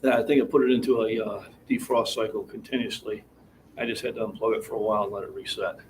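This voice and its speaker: Between lifts at an indoor gym, a fitness livestream host in his sixties chats casually with viewers, slightly out of breath. His voice is lowish and fairly even, with a quick pace, captured by a distant mic along with faint room noise.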